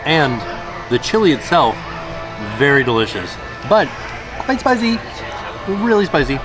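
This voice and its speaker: A man chatting casually and enthusiastically as he vlogs a food and merch review. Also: mid-range voice. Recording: loud music and busy outdoor crowd behind. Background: loud music, crowd.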